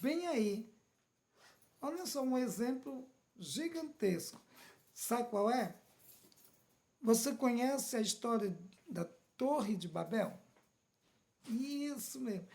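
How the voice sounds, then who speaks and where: Her voice sits on the high side, animated yet darkish in tone, as this Brazilian-accented woman preaches. She moves slowly and questioningly through the sermon, frequently turning to the audience with "Amém?" and "né?" ("amen?" and "right?").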